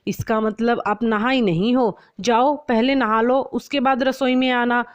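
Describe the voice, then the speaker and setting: A woman's voice: a little high, steady tone, a little slow, highs cut off, close to an everyday voice. A woman voicing a young, bossy daughter-in-law who fusses over a spotless kitchen and scolds sharply.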